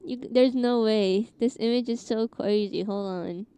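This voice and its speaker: A woman's voice: on the high side, a little slow, dark tone, clean tone, no echo. A woman streamer chatting casually in a scratchy morning voice, rambling with lots of fillers and laughs. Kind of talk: casual chat.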